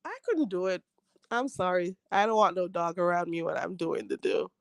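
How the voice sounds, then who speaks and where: This livestream host reads chat comments aloud in a casual session, her blocked nose giving her a stuffy, slightly nasal sound. She laughs a lot and doesn't mince words. Her fairly low, creaky voice keeps a moderate pace on a dry, studio-quality recording.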